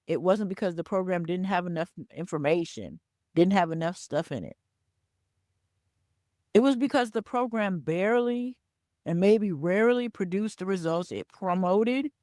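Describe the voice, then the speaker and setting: A woman's voice: fairly low pitch, expressive, a little slow, darkish tone, no echo. Woman podcast host, business coach, emphatic, repeats points, dry recording. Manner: emphatic, repeats key points with "right?" and "okay?". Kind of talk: solo podcast monologue.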